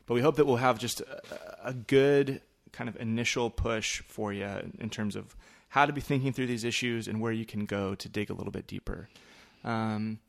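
A man hosting a podcast in a casual, explanatory way, with halting, thoughtful phrasing. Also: mid-range voice, vocal fry. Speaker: podcast host, church pastor.

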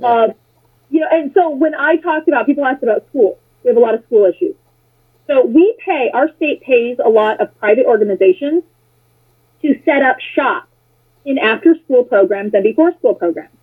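A former political candidate, interviewed as a guest, this American woman talks casually in a slightly high, breathy voice with lively intonation at a moderate pace. Her stories are opinionated, blunt, sarcastic and full of swearing, heard over a muffled, phone-like lo-fi line.

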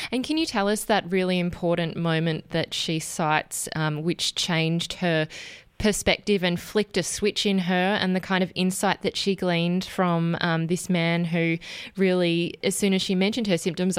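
A woman hosts an interview, asking measured, thoughtful questions. Her voice sits low and sounds smooth and clear, recorded dry and close. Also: steady tone, no echo. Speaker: interview host. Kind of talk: radio interview.

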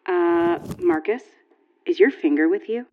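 An actress playing an anxious, hurried woman warning a friend by phone. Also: mid-range voice, sing-song, creaky, narrow, tinny audio, a crowd in the background.

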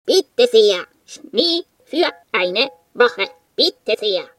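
A woman's voice: a little high, sing-song, drawn-out words, very noisy, voice pushed down, exaggerated voice. A woman voicing a bored, muddled talking machine in a storybook, speaking in clipped, literal-minded phrases. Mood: pleased. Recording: loud clicks and phone noises.

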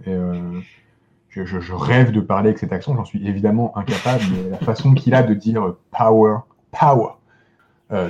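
A man with a low, mellow voice discusses cinema as a podcast guest. He talks with eager enthusiasm but keeps stumbling, repeating words and filling gaps. The recording sounds a little dull and lo-fi. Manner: hesitant, many restarts and fillers, enthusiastic. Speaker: guest film critic.

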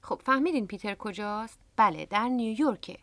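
A woman's voice: medium pitch, lively intonation, fairly bright tone, no room sound. A woman hosting a radio language lesson, explaining words patiently into a close studio microphone. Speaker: English teacher and radio host.

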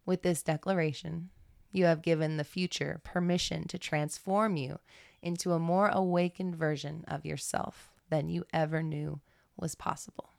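A woman reading a guided meditation in a slow, soothing, measured manner. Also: low voice, fairly even intonation, gravelly, darkish tone, no room sound, clean studio sound. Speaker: podcast guest reading aloud.

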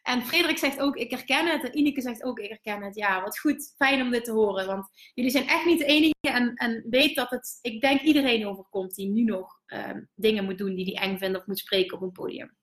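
A Dutch woman in her thirties, a business coach hosting a live stream, who tells candid, animated stories and swears now and then. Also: a little high, a little fast, hardly any pauses, echoey room. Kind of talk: live stream storytelling to viewers.

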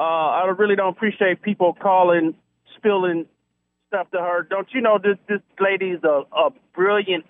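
Radio call-in caller, man, phone line, high voice, tinny and dry, emphatic, repeats himself. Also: no room sound. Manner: earnest, emphatic, with many restarts. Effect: call-in voice over a phone line.

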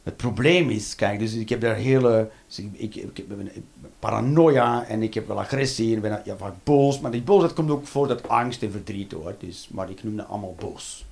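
A man performing a stand-up comedy routine. He swings between loud outbursts and low muttering, and he swears. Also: moderate pace, gravelly.

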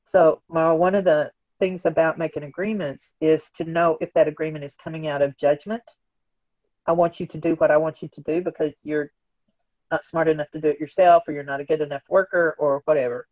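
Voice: medium pitch, steady tone, fairly quick, a little mellow, dry recording. A guest expert explaining ideas in an earnest, conversational way, often asking questions aloud and checking in with "right?". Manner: earnest, talks in questions and acted-out quotes, tags "right?". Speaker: guest expert on organizational change. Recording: dull, dry lo-fi recording.

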